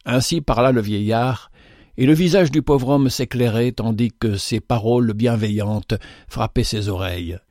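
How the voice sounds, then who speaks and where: A man reading a storybook aloud in calm, measured narration. His voice sits at a middle pitch, and the sound is close and dry, with no room around it. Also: dry recording.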